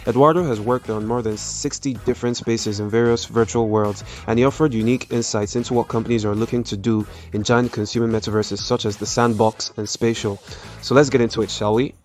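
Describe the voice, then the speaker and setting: A man's voice: medium pitch, steady tone, a little fast, soft background music. A man hosting a podcast, reading a scripted intro, then introducing his guest with some rambling fillers. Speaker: podcast host.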